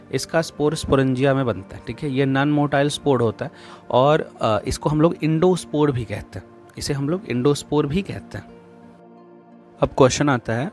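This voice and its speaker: With a slightly mellow mid-range voice, a man teaching biology mixes Hindi and English in a classroom lecture. He explains each step carefully, returns to the key terms again and again, and adds playful asides.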